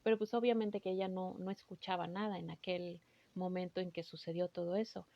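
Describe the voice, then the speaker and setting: A woman's voice: lowish voice, little pitch movement, a little fast, no echo, dull audio. A woman recounting a spiritual healing session in an earnest, emotional way, often stopping and restarting. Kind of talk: personal storytelling.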